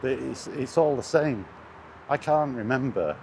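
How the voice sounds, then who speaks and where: Walking near traffic, this British gaming vlogger delivers a scornful, sweary rant in a mid-range, gravelly voice with a darkish tone. He sounds animated yet unhurried. The recording picks up outdoor street and vehicle sounds.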